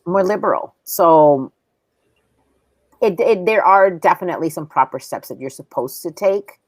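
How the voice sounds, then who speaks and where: A woman in her fifties co-hosting a casual podcast chat as a therapist, talking in a relaxed, meandering way. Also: lowish voice, normal speed, no echo. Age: 50s. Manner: relaxed, meandering, sleepy morning talk. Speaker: co-host therapist.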